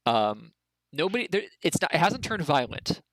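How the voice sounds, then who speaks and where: Higher-voiced man running a tabletop game. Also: big pitch swings, fairly bright tone, no room sound, poor audio. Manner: informal, slangy, halting. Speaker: game master. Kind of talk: casual improvised tabletop game narration.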